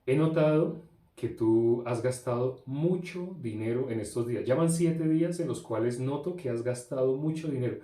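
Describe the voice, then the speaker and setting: A man, acting out a stern, angry father who firmly and slowly questions and punishes his young son in a sermon story. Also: medium pitch, warm tone, close to an everyday voice. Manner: firm, slow, insistent questioning. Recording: echoey room.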